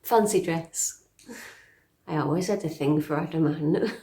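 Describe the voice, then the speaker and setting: Low-pitched and mellow, a woman voices a middle-aged fairytale princess musing on her life in a roomy, echoing space. The dramatic yet conversational monologue is slow, confiding and dry, with subtle wit and a weary, reflective edge.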